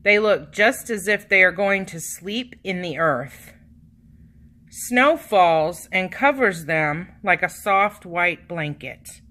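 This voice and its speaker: Female storybook reader for young children: unhurried pace, very animated pitch, dramatic stress on key words. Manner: expressive, dramatic emphasis with drawn-out words. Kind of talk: read-aloud picture book narration.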